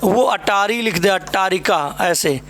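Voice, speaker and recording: A man with a north Indian Hindi accent runs a spelling drill for exam aspirants. His voice sits high, and he takes his time, saying each word several times. He keeps checking in with short tag questions. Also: animated, a little slow, a bit bright, slight background noise. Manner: addresses students fondly as "बेटा" and "भाई मेरे". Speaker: Hindi exam coaching teacher. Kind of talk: spelling lesson at a board.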